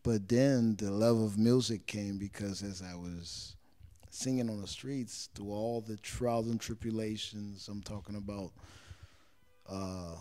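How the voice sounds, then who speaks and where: A low-pitched man in his thirties, born and raised in Israel, talks earnestly about his life as a street singer. He gropes for words and circles back over phrases. He speaks into a handheld mic held close in a small living room. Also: steady tone, measured pace, warm tone. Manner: earnest, searching for words, repeats himself. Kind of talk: interview answers. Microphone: handheld interviewer mic.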